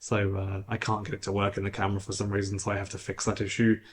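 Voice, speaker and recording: A man's voice: fairly low pitch, monotone, quick pace. A man talking to his viewers in a rambling, casual vlog, recorded on a camera's built-in mic that makes his voice sound slightly robotic. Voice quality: slightly robotic, degraded audio. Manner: chatty, rambling, frequent restarts and fillers. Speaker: YouTuber.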